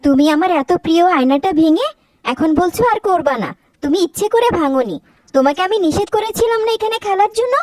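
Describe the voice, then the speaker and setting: A woman voicing a stern, quick-tempered cartoon mother who scolds sharply. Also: very high voice, lively intonation, darkish tone, dry recording. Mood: scolding. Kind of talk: cartoon voice acting.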